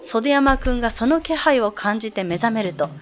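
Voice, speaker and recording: A woman reading aloud as a male high school student who calmly tells a ghost story from a sound novel. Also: normal speed, music in the background, lightly acted. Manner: calm, storytelling.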